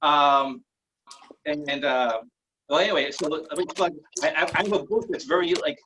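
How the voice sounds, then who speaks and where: A man doing a halting, rambling stand-up set over a video call, full of fillers. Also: fairly high pitch, pushed and bright, slight background noise, poor audio. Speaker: stand-up comedian.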